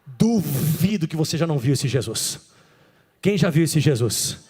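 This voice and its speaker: A man from Brazil, a pastor preaching an animated sermon, acting out stories and quizzing the congregation. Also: on the high side, unhurried, husky. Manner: animated storytelling, acts out characters, asks the crowd questions. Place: church. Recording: reverberant church hall.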